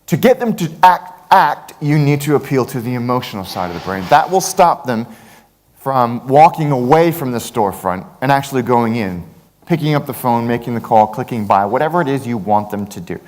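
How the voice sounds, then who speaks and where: A man's voice: a little fast, in a large hall. A man giving a conference keynote talk, telling jokey stories with big swings in his voice. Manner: animated, jokey storytelling with big pitch swings. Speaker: keynote speaker. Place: large conference hall.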